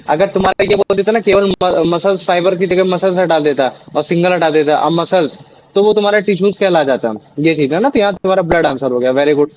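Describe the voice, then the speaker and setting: A man's voice: high-pitched, noisy background. A young man tutoring students in a class, explaining patiently with many fillers and restarts. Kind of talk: online class teaching in Hindi.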